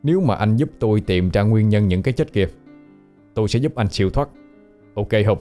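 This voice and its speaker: A man's voice: fairly low pitch, lively intonation, brisk, warm tone, soft background music, close to an everyday voice. A man doing a polite curious young man. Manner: polite, inquisitive.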